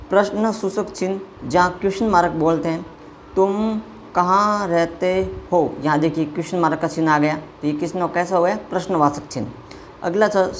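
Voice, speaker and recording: A woman explains grammar in a low, steady voice. She keeps addressing her listeners as friends and asks questions that she answers herself. A faint noise sits behind her. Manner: repeats "friends" often, poses questions and answers them. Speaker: teacher. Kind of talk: explanatory lesson.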